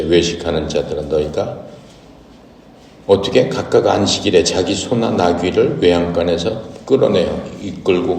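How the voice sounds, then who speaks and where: Deep-voiced man preaching in an echoey hall. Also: creaky, a little mellow, recorded from a distance, slight background noise. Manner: asks the congregation questions, explanatory teaching. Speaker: pastor. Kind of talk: Bible reading and sermon.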